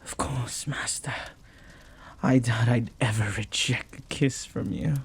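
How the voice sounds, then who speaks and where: A man voicing a flirty, devoted demon in an intimate romantic audio roleplay, speaking formally and reverently in a husky voice that often drops to a whisper. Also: mid-range voice, steady tone, heavily acted. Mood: hungry, flirty. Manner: slow, formal, reverent phrasing. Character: jealous, flirty, devoted male demon bound to master.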